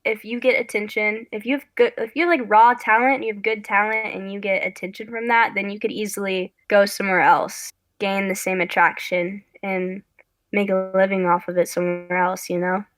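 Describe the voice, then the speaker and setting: A woman's voice: medium pitch, little pitch movement, moderate pace, a bit bright, dry recording. A young woman who makes online videos, a guest on a casual podcast, chatting in a rambling way that keeps breaking off and restarting. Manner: rambling, chatty, self-interrupting. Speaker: guest, content creator.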